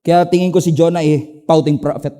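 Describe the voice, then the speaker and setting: A middle-aged man with a Filipino accent, preaching a sermon as a pastor, telling stories with emphatic highs and quiet low asides. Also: a little fast. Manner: animated storytelling, swings between emphatic highs and low asides.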